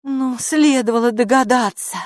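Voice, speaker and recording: A bossy, sardonic girl who snaps out her words with a sarcastic edge, as a woman voices her in a storybook. Her voice is raised and lively. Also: high-pitched, moderate pace, no echo, clean studio sound, pitched above the performer's own voice. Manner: snappy, sarcastic.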